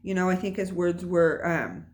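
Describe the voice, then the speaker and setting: A woman's voice: lowish voice, normal speed. A woman hosting a casual devotional podcast from her home, talking in a chatty, encouraging way with plenty of fillers. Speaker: podcast host. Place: at home by an open window.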